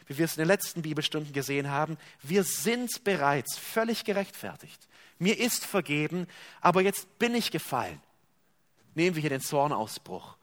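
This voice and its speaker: A man preaching a sermon, earnest, speaking to his congregation as dear ones and swinging between loud emphasis and hushed tones. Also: fairly high pitch.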